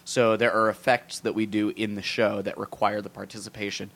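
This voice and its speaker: A man's voice: fairly low pitch, level tone, brisk, a bit bright. A man talking casually as a guest magician, rambling with frequent restarts and ums. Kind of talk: casual podcast chat.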